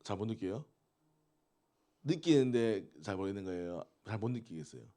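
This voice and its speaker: A man's voice: on the low side, lively intonation, moderate pace, dark tone. A man preaching to teenagers in a conversational way, often asking them questions and waiting for replies. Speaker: youth pastor. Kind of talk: interactive youth sermon.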